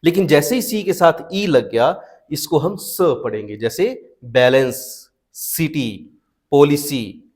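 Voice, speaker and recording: A male teacher explains spelling rules at an unhurried pace, his voice sitting a little high. He spells out each example word letter by letter and often poses a question before answering it himself. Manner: slow and patient, spells out words letter by letter. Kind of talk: explaining a lesson.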